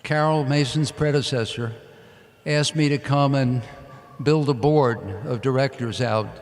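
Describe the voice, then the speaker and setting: A man from Queens, New York, delivers a motivational commencement speech in a large indoor arena, using emphatic short, repeated phrases. His mid-range voice has fairly even intonation and a slightly slow pace. The arena is echoey, with long reverb.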